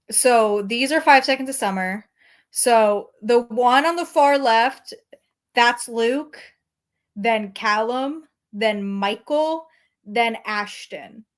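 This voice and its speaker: Giggly high-voiced young woman reading aloud. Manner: laughs often through the text, wry asides. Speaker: streamer reading fan fiction aloud. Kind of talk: mock-dramatic reading with casual asides.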